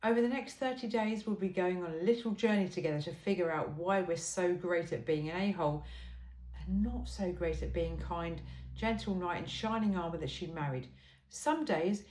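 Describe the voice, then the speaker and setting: A lowish, slightly mellow female voice reads a comic self-help book aloud in a casual, wry, emphatic, conversational manner, sprinkling in chatty asides. The sound is roomy and echoey.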